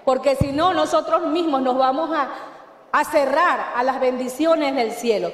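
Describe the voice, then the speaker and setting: A woman pastor with a Mexican Spanish accent, preaching a sermon and often asking the congregation questions. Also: high voice. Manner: emphatic preaching with call-and-response questions. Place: church hall. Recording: echoey church hall, long reverb.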